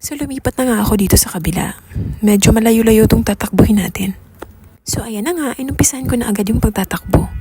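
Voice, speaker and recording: A woman's voice: a little high, fast, warm tone, a little hiss or hum. A woman with a Filipino accent narrating a casual vlog in a chatty, playful, self-teasing way. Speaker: vlogger.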